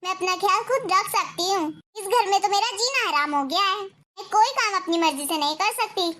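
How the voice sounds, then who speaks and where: A woman's voice: very high-pitched, a little fast, sharp tone, a little hiss or hum. A woman voicing a resentful young wife in a cartoon story, scolding and demanding. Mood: angry.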